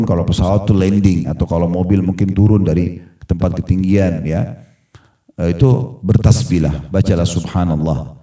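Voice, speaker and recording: A man preaching to a congregation, explaining slowly, repeating phrases and reciting Arabic verses. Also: lowish voice, warm tone. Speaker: Islamic preacher. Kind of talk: religious lecture to a congregation. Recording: echoey room, voice from a distance.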